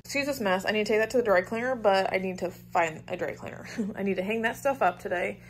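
A woman's voice: mid-range voice, fast. A woman in her thirties chatting casually to her phone camera in a small apartment, rambling with many ums and likes and laughing easily. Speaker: vlogger. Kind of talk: casual clean-with-me vlog chat. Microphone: phone camera held at arm's length.

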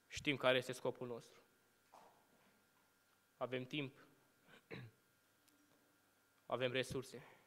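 A young adult student preacher delivers a sermon into a lectern microphone in a church hall, his clear, bright, mid-range voice showing little pitch movement. A long reverb trails each phrase as he builds measured rhetorical questions, rising on them, then letting his sentences drop to a hushed close.

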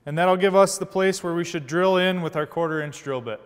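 Man, 30s, high voice, methodical how-to narration, long room reverb. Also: fairly quick, clean tone. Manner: steady, methodical step-by-step explaining. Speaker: product installation instructor. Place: large indoor workshop studio.

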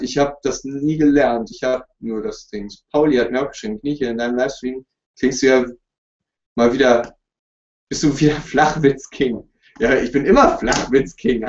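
A man's voice: medium pitch, darkish tone. A man chatting casually on a livestream, answering viewers' questions in a jokey, apologetic way. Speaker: YouTuber hosting a livestream. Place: room at home, sitting in front of a couch. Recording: roomy, distant, dull webcam stream audio.

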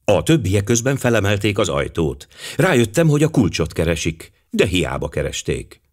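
A man narrating an audiobook in a measured, expressive storytelling manner. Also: fairly low pitch.

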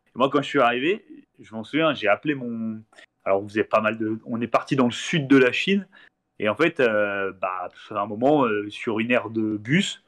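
A man's voice: on the low side, normal speed, fairly bright tone. Rambling man telling travel stories over a call. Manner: rambling, restarts often, acts out quoted exchanges. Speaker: guest traveler. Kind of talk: casual storytelling on a live talk show. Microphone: remote video call.

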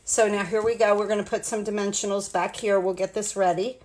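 An American woman in her sixties sits at her home craft table, giving a live card-making demo in a medium-pitched, steady, slightly mellow voice. She talks a little fast, chatting and rambling as she explains each step.

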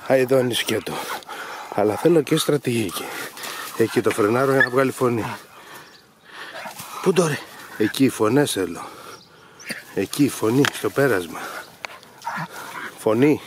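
A man's voice: medium pitch, long pauses, noisy background. A man training hunting dogs, explaining each step methodically and calling to the dogs outdoors in the fields. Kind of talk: instructive commentary over training footage.

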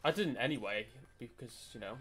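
A man's voice: medium pitch, moderate pace. A man chatting casually and teasing his partner while playing a video game. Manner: bantering, teasing, swears when excited. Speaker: gaming channel host. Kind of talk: casual gameplay chat.

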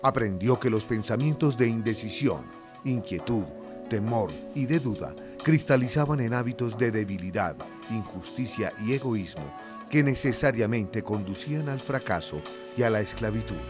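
A man reading a scripted documentary narration in a measured, lofty storytelling manner. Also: lowish voice, lively intonation. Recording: voice-over with loud music behind. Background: music.

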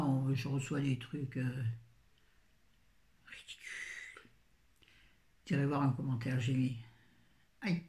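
A woman's voice: low voice, dark tone, reverberant. An older woman reviewing books in a casual, rambling chat full of self-mocking asides. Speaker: book vlogger.

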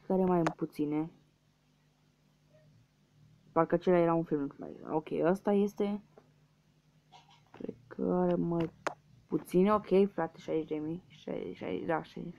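A man's voice: a little high, fairly even intonation, long pauses. A young man from Romania giving casual let's-play commentary, muttering guesses and swearing at losses. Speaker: gaming youtuber. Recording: dull lo-fi mic with faint hiss.

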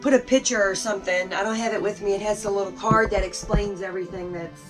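A woman's voice: mid-range voice, fairly even intonation, fast talker. A woman chatting casually with her partner inside a camper. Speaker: vlogger. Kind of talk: casual chat. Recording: loud music underneath.

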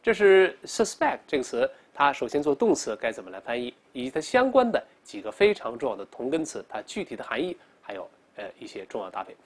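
Animated teacher teaching English words. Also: male voice, mid-range voice. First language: Chinese. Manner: animated, drills students to read aloud, slows down for English examples. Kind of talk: vocabulary lesson.

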